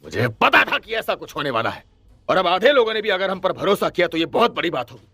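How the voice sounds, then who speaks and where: A man voicing an angry, frustrated male commander who shouts his complaints. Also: high voice, big pitch swings, brisk, creaky, breathy edge, no room sound, faint music behind, pitched above the performer's own voice, exaggerated voice.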